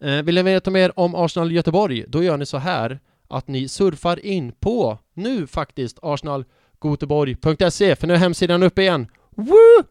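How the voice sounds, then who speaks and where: A young man hosting a casual fan podcast, playful and excitable, often joking about himself. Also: a little high, no echo, clean studio sound. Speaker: podcast host. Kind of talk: casual chat.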